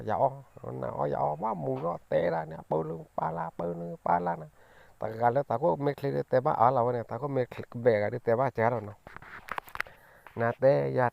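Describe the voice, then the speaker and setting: A man tells a story in a slow, rambling way, pausing on fillers as he goes. His voice is heavily gravelly and full of fry. The recording is dull and lo-fi. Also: medium pitch. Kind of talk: casual storytelling.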